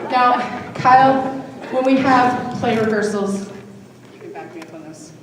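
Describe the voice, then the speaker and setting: A likely middle-aged woman, a school drama director, gives an informal and affectionate thank-you speech with a slightly high voice, lively intonation and an unhurried pace. A crowd can be heard in the large indoor hall. A distant event microphone captures it very echoey, from far off, with faint noise.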